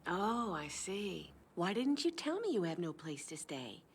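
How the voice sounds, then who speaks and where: A young woman voicing a friendly, motherly, pregnant baker in an animated film, chatty and welcoming. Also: lowish voice, measured pace, slight background noise.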